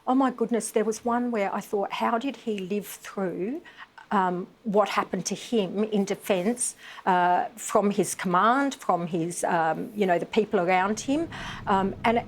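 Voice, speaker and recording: Her mid-range voice moves at a measured pace as this middle-aged woman, a veterans' advocate and grieving mother, speaks on live TV. She is emphatic and impassioned, using many fillers.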